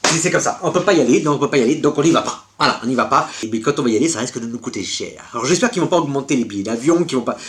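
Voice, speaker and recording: A man's voice: mid-range voice, expressive, very fast, few pauses, slight background noise. A man ranting in a casual vlog, exasperated and repeating his words. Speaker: collector vlogger.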